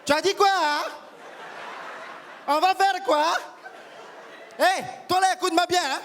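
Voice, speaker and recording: Man putting on a sassy scolding woman, very high voice, reverberant live stage, audience murmur. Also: steady tone, unhurried, fairly bright tone, some chatter behind, slight background noise. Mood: indignant. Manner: shrill, scolding, punctuated with "hein". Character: sassy young African woman, indignant and mocking.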